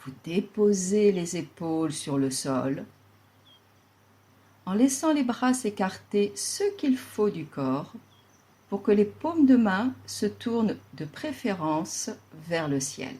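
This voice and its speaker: Her voice is mid-range as she, a yoga instructor, talks listeners through a relaxation in a calm, measured way, pausing at length.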